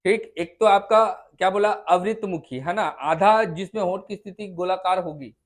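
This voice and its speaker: A man's voice: sits high, normal speed. A man with a Chhattisgarh Hindi accent teaching a classroom lesson, coaxing his students and sounding out vowels again and again to check they follow. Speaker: Hindi tutor.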